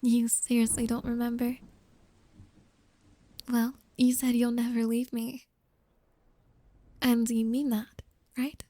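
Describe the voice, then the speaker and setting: A woman playing a possessive, manipulative girlfriend in an ASMR role-play, soft and breathy, with a creepy, coaxing, controlling manner. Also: on the high side, no echo. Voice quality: soft, breathy, often soft-spoken. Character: possessive, manipulative yandere girlfriend, sweetly menacing.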